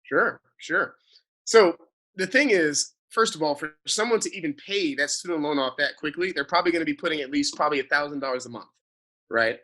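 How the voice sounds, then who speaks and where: Speaking fairly quickly in a slightly high voice, a male financial advisor explains money matters conversationally. He is animated, delivering long explanations peppered with "right?" tag questions.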